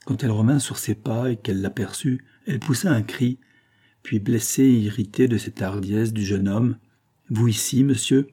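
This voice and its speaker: Male audiobook narrator, classic literature; low, warm, husky tone. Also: moderate pace.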